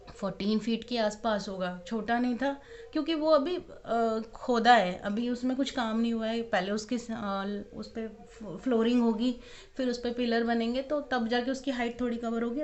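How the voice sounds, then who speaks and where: A young woman, a mother of twins, telling an emotional story in a casual home vlog, worried and acting out the dialogue. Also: a little high. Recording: dull lo-fi audio.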